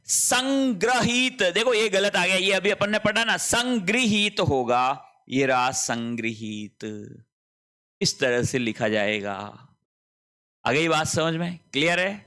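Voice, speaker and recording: A man teaching an online lesson, explaining slowly, repeating words and checking that students understand. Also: high-pitched, expressive, bright, forceful tone. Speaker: Hindi teacher. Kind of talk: online exam-prep lesson.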